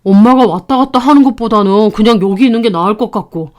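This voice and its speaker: A woman's voice: medium pitch, fast, a little mellow, close to an everyday voice. Woman doing a flustered husband. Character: flustered young husband caught in the middle.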